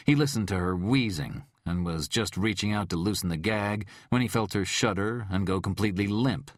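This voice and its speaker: A man narrating an audiobook thriller in a measured, dramatic storytelling manner. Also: low-pitched, no room sound, clean studio sound.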